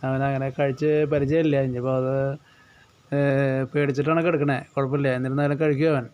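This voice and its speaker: A man's voice: medium pitch, little pitch movement, a little fast, darkish tone. A man giving casual commentary as he welcomes a new puppy, explaining each step in a reassuring way. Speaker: new pet owner.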